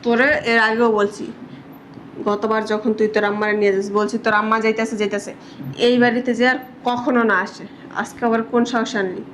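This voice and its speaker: An actress plays a bullying young wife in a drama. Her voice sits high and she shouts insults scornfully. A faint background noise runs under the scene. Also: flat delivery, moderate pace, lightly acted. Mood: mocking. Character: spiteful shrill young wife, bullying her mother-in-law.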